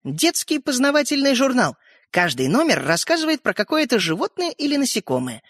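A woman's voice: sits high, big pitch swings, a little fast, dry recording, clean studio sound, voice pushed up. A woman putting on a chirpy bossy little girl. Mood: cheerful. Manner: bright, chirpy, teasing. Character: cheerful know-it-all schoolgirl, bossy older sister.

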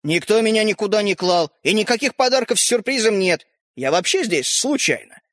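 In a storybook reading, a man voices a tiny fairy-tale hero who is boastful, touchy, and given to lecturing, huffing and taking offence easily with an urgent mood. His high voice is animated and a bit bright, recorded studio-quality with no echo.

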